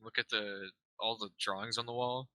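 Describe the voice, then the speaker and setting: A man's voice: lowish voice, fairly even intonation, moderate pace, pushed and bright, dry recording, poor audio. A man playing a tabletop game, describing his character's actions and stammering with many fillers. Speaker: player.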